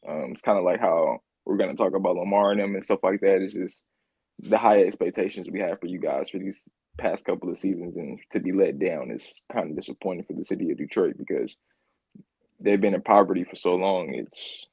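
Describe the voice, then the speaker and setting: Male podcast co-host, mellow husky low voice, rambling casual sports talk. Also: a little fast, no room sound, poor audio. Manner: rambling, repeats words, laughs easily.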